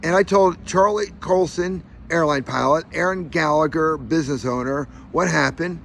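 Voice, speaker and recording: A man's voice: on the high side, normal speed, creaky, a bit bright, a little hiss or hum. A man telling his own story in an aggrieved, emphatic rant, his speech slightly slurred by missing front teeth. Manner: aggrieved, emphatic, acts out reported dialogue.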